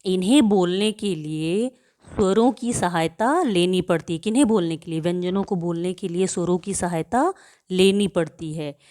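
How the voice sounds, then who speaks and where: A woman teacher with a lowish, warm voice takes children through grammar, answering the questions she herself asks. She elongates example words so pupils catch the pronunciation, and her slow, deliberate style repeats questions and answers as drills.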